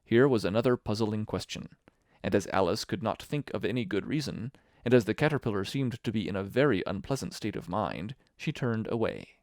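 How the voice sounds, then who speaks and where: A man reading a classic story aloud as an audiobook narrator, with expressive storytelling. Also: fairly low pitch, fairly quick, dry recording, clean studio sound. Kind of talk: scripted narration.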